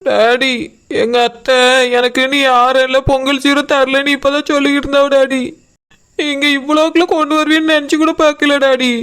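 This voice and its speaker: A woman voicing a meek flat-voiced young wife. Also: sits high, brisk. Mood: tearful. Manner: meek, tearful. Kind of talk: cartoon voice acting.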